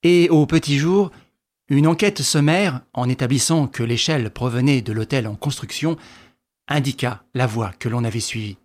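A man reading a novel aloud as an audiobook narrator, with a dramatic, expressive delivery. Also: mid-range voice, moderate pace. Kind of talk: scripted narration.

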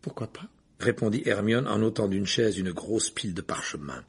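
A man reading a storybook aloud in an expressive way, shifting into voices for the characters. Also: lowish voice, normal speed, gravelly, slightly rough. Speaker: audiobook narrator.

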